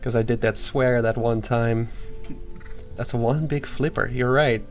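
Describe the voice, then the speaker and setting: A young man, a game developer, casually talking through a live stream of his own game, excitable and playful with lots of fillers. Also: medium pitch, a little slow, soft background music.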